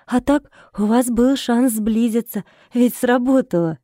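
A woman's voice: on the high side, measured pace, warm tone, no room sound, clean studio sound, natural voice. A woman voicing a middle-aged mother who pleads and apologizes in a fluster. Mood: timid.

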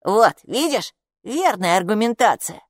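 A woman's voice: medium pitch, big pitch swings, unhurried, no echo, studio quality, pitched above the performer's own voice. A woman reading aloud, voicing a matter-of-fact, know-it-all young boy in a children's audiobook. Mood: confident. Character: clever, cocky young boy, the brother.

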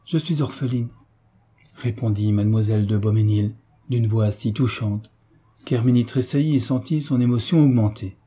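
A man reading a classic novel aloud in a measured, even audiobook narration. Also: on the low side, husky. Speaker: audiobook reader.

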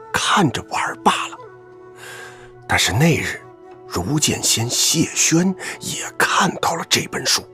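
An actor playing a wry, middle-aged assassin uncle in an audio drama, talking like a storyteller with lots of interjections. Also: male voice, mid-range voice. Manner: drawling, storyteller-like, peppered with interjections. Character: wry, theatrical older male assassin uncle, Su Zhe. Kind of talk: audio drama character acting.

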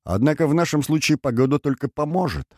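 A man's voice: a little high, expressive, quick pace, a little mellow, no room sound, voice pushed up. A confident military commander who speaks seriously and with full assurance, raised a little above the narrating voice, as a male reader puts him on. The audio is dry and close.

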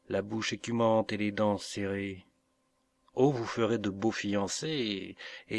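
A man reading an audiobook, voicing a vengeful old woman who curses a young pirate in a slow, drawn-out, menacing way. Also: fairly low pitch. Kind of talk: audiobook character voice.

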